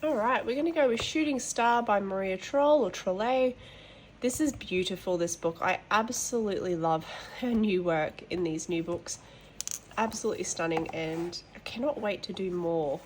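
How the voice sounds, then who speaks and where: A woman with a stuffy, nasal voice from hay fever talks through her work in a loose, chatty way. She rambles and drops quick apologies as she goes, at an ordinary middle pitch. A faint background hiss sits under her voice. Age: adult, mother of boys. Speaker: colouring channel host. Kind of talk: casual show-and-tell chat. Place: at home.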